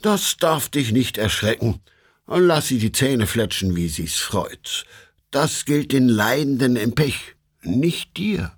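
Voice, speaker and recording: Man voicing a calm old poet guide. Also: mid-range voice, takes it slowly, slightly rough, exaggerated voice. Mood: reassuring. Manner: steady, reassuring.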